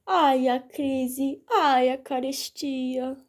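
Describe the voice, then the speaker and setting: A woman's voice: high voice, fairly even intonation, very slow, heavily acted. A woman playing a miserly, fearful old man who wails and complains in a stage play. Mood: lamenting. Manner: wailing, complaining, prays to a saint.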